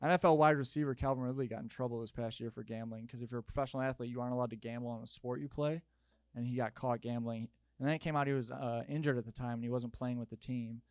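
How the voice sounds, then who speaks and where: A young man doing a stand-up comedy set, telling stories in an animated way and jumping up into loud shouted bits. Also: medium pitch, fast talker, smooth, no room sound. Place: comedy stage with audience.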